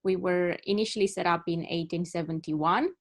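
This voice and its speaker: A woman from Romania in her thirties speaks on a video call, giving a measured talk as a journalist and often stopping to rephrase. Her voice sits low for a woman. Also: fairly even intonation. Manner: measured, self-correcting as she goes.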